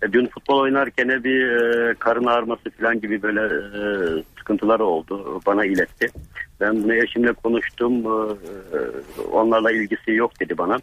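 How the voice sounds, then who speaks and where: A man from İzmir calling in over a telephone line to a radio show, asking a doctor a question politely and haltingly. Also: on the low side, steady tone, dry recording. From İzmir, Turkey. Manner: polite, halting, with repeated hesitations. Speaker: radio call-in listener. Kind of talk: casual phone question to a doctor.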